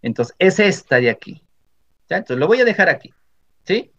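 A man with a Peruvian Spanish accent, teaching a software tutorial for teachers step by step and often checking that his listeners are following. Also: high voice, sing-song, moderate pace. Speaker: teacher training instructor. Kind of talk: screen-recording software tutorial. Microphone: computer microphone. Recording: slightly dull lo-fi audio.

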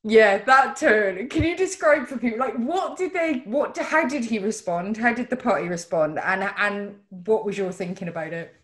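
A woman from Bristol with a West Country English accent, hosting a casual political discussion in an animated, emphatic, informal way. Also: a little high, moderate pace, few pauses. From Bristol, England. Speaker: host. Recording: roomy, echoey video call.

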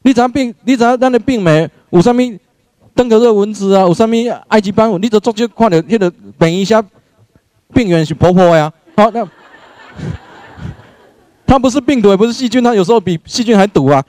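Man, lively lecture, fairly high voice, dry close sound. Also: fairly quick, dry recording. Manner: animated, acts out scenes, laughs often. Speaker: lecturer, doctor. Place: lecture room.

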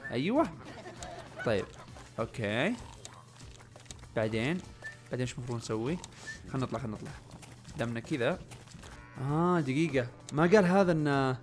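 A young man giving casual let's-play commentary, muttering to himself and yelling when things go wrong. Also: medium pitch. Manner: chatty, often muttering under his breath, bursts of panicked yelling. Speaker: gaming channel host.

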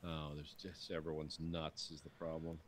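This podcast host, a man in his forties, has a bass voice delivered in a monotone at a moderate pace. He rambles through crude banter and stories from a dim home studio, swearing freely and imitating people, on a boom-arm studio mic with headphones; a slight hiss or hum is present.

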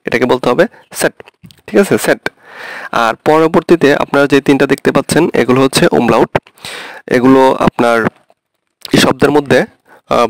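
Gravelly-voiced man teaching patiently. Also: mid-range voice, no room sound. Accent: Bangladeshi Bengali. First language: Bengali. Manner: patient, repeats each point with frequent check-ins. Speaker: language teacher. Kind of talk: explaining a lesson.

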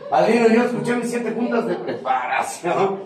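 A man's voice: sits high, very animated, moderate pace. A man with a Mexican accent giving a heated, profane, confrontational testimony at a recovery group meeting. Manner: profane, confrontational, preaching rant. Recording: very echoey room, far from mic, noisy.

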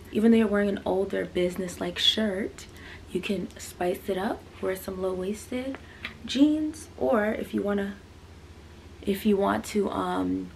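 Filmed in a small bedroom by a camera on a stand at mid-distance, this twenty-year-old woman does a casual try-on haul as a fashion vlogger, rambling with plenty of fillers and asides. Her voice is lowish, gravelly and a little mellow, with slight background noise.

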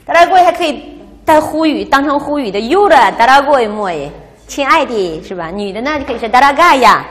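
Lively woman teacher in a reverberant classroom. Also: high-pitched, fairly quick. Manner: lively, explanatory, quizzes students. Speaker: Russian language teacher. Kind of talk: classroom lecture.

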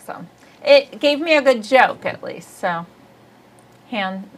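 An expressive, slow-speaking woman with a voice on the high side hosts a casual comedic chat. In her forties and from Ohio, she has a Midwestern American accent and tells bawdy stories full of laughter while seated indoors on a small studio set.

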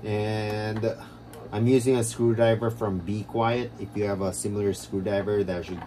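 A man vlogging a casual how-to walkthrough, explaining in a rambling, halting way, recorded on a low-quality phone camera. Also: little pitch movement, noisy background. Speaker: DIY vlogger.

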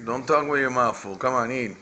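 A man casually filming his daughter at breakfast, gently coaxing her to eat and talk. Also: medium pitch, fairly quick, faint music behind, poor audio. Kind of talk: casual home video chat.

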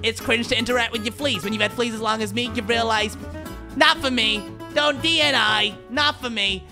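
A man with a Sheffield accent voicing a scrappy, scheming male garbage rat who rambles excitably in a game role-play. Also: extremely high pitch, moderate pace, over music. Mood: rambling. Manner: rambling, excitable, shouts in bursts. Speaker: streamer.

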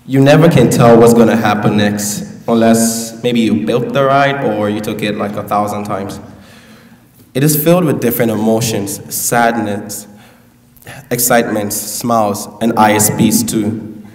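Speaking from a podium in a big school hall, a young valedictorian delivers his graduation speech and jokes playfully with the audience along the way. His voice is lowish, steady and somewhat dark, and he goes a little slowly. The podium mic picks him up from afar, leaving an echoey sound.

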